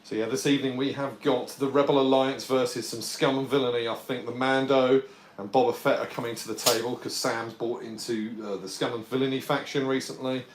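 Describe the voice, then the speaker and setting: A man's voice: mid-range voice, steady tone, a little fast. A man streaming a tabletop wargame from home, chatting to viewers and explaining the rules as he plays. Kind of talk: casual live-stream game commentary. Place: warm home apartment, indoors. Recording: roomy sound, distant mic, faint noise.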